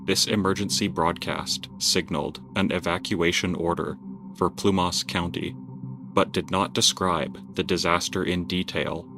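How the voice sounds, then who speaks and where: A man giving scripted documentary narration as the narrator. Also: sits low. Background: music.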